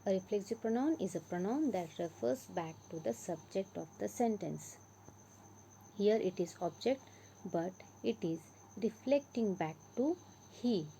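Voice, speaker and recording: A woman with an Indian English accent teaches a grammar lesson in a patient, repeating way, pressing hard on the key words of each example. Her voice is mellow and warm, sitting at an ordinary pitch for a woman. A faint hum runs under the recording. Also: animated, a little slow, gravelly, low-quality recording.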